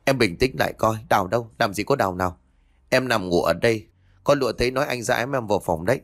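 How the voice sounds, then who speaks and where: A man voicing a caring young master of the house who hurries to calm a frightened girl. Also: fairly low pitch, quick pace, no room sound, studio quality. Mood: soothing. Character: caring young master, elder brother type.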